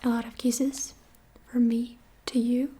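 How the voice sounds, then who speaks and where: Slow, soft-whispering woman, ASMR lesson. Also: on the high side, little pitch movement. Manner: soft whisper, repeats each phrase slowly; gentle, soft-spoken. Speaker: ASMR creator teaching phrases.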